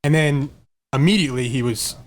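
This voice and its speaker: A man's voice: mid-range voice, a little fast. A young man, the show's producer, chatting casually, agreeing often and telling wry stories. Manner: affirming, wry storytelling. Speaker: producer and co-host. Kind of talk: casual chat.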